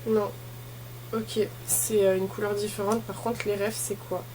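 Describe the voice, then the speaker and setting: A woman's voice: mid-range voice, level tone, unhurried, darkish tone. A woman vlogger chatting casually and informally, thinking aloud as she goes. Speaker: beauty vlogger. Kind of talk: casual chat while opening advent calendars. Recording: clearly noisy, ambient background noise.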